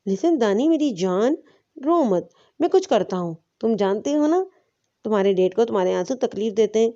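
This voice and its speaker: A woman's voice: on the high side, expressive, warm tone, lo-fi sound. A woman voicing a doting middle-aged father soothing his crying daughter.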